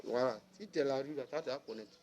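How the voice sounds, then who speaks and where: Over a noisy background, a man with a mid-range voice delivers a brisk, casual rant. He scolds the listener to their face, saying the same things again and again to drive the point home.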